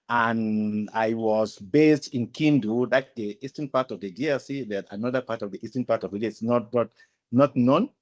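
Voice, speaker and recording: A man from Cameroon, a guest on an interview podcast, answering off the cuff in a halting way, searching for words and correcting himself. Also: mid-range voice. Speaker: interview guest, cycling club founder.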